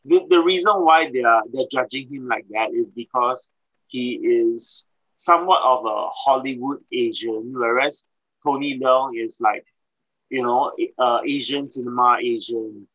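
A man, speaking in a measured, hesitant way on a casual panel chat. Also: mid-range voice, a bit bright. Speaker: panel co-host. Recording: dry dull lo-fi mic.

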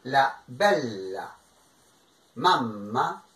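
A man from Argentina teaches a language class at an unhurried, deliberate pace, repeating each example phrase. His voice sounds distant from the microphone and rings in an echoey room. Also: medium pitch, sing-song, a bit bright.

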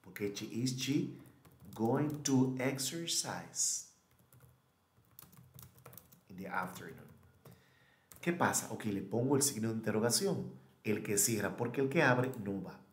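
A man's voice: on the low side, expressive, takes it slowly, pauses often. A man giving a recorded online English lesson, thinking aloud, correcting himself and modeling question intonation. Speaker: English teacher. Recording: echoey room.

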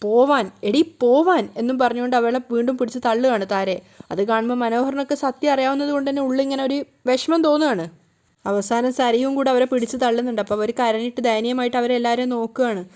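A woman quickly retelling a TV serial episode as a narrator. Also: a little high, steady tone, a little mellow. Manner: rapid storytelling.

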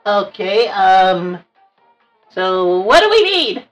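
A woman's voice: medium pitch, sing-song, takes it slowly, far from the mic, soft background music. A woman voicing Bendy, a short, grumpy, whiny cartoon devil who hates work and complains petulantly. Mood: reluctant. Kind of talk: improvised cartoon roleplay.

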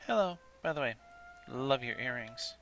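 A tired let's play host chatting casually over gameplay, self-mocking and thinking aloud. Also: male voice, mid-range voice, lively intonation, normal speed, vocal fry, a bit bright, faint music behind.

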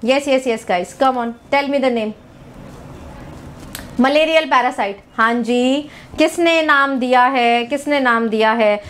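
A young woman with an Indian accent teaches biology in a live online class, mixing Hindi and English. Her voice sits high, and she talks at an unhurried, deliberate pace. She keeps calling the students "beta" and firing questions at them. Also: fairly bright tone. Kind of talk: live online exam-prep lesson.

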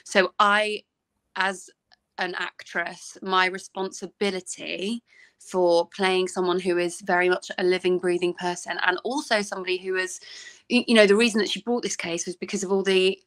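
A young actress, interviewed casually over a video call, speaks thoughtfully and earnestly about playing her role, with some hesitant restarts. Her voice is fairly low and fairly bright, level in tone and at normal speed.

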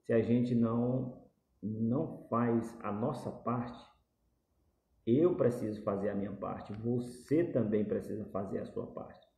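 This middle-aged political commentator, who has a Brazilian Portuguese accent, offers his opinions straight into a phone camera at arm's length from a small indoor room. He's earnest and repetitive and gestures as he talks. His mid-range voice is warm and slow, and the sound is roomy.

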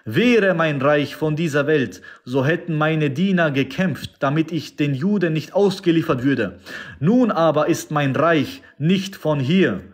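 A calm teacher declares himself a king in slow, weighty phrases, lingering on each word. A man reads the part in a voice close to his own. The tone is solemn and measured. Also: on the high side, voice pushed up.

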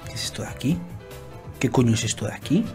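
A man with a Spain Spanish accent, giving excited reaction commentary with loud exclamations and swearing. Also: medium pitch, fast, soft background music. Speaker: YouTuber reacting to a manga chapter.

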